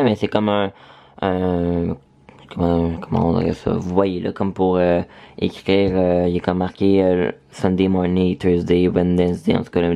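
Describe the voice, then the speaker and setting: A man's voice: sits low, darkish tone. A young man from Quebec with a Quebec French accent, chatting casually at home to his camera in a vlog, full of fillers and hesitations. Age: young adult. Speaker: vlogger. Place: at home, indoors.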